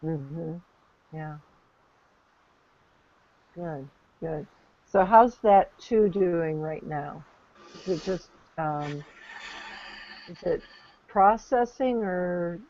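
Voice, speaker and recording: A woman calmly guiding a session, gentle and affirming, talking soothingly about calm and connection. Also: lowish voice, drawn-out words, long pauses. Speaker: session facilitator. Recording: dull lo-fi recording.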